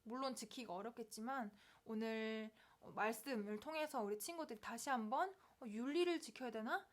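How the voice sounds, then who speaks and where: A woman giving a children's sermon, gently telling a story, asking the kids questions and acting out voices. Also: fairly high pitch, a little fast. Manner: acts out quoted voices in the story. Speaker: children's ministry preacher.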